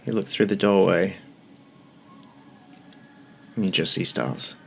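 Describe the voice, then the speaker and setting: A man narrating a tabletop game as game master in a measured, descriptive way. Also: deep voice, creaky, a bit bright, slight background noise.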